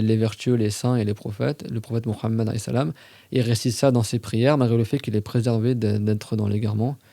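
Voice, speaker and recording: A man giving a casual religious lesson on a podcast, talking conversationally and reciting Arabic verses slowly and carefully. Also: medium pitch, vocal fry, warm tone, no echo.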